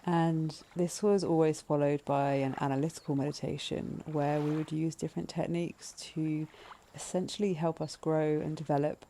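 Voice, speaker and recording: A meditation teacher leading a guided breathing meditation with slow, gentle instructions. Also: mid-range voice, slight background noise.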